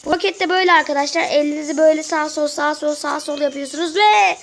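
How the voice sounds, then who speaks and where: Very high-voiced chatty woman gamer. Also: fast talker, rough recording. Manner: chatty, keeps addressing viewers as friends. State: sore throat. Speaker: gaming channel host. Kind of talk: casual gameplay walkthrough. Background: faint game music.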